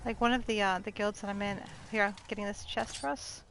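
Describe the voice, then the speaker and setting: Casting: female gamer, mid-range creaky voice, easygoing and halting, talking casually on a noisy stream. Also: medium pitch, fairly even intonation, a bit bright. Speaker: video game player chatting with a teammate. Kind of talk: casual gaming chat. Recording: clearly noisy game stream voice chat.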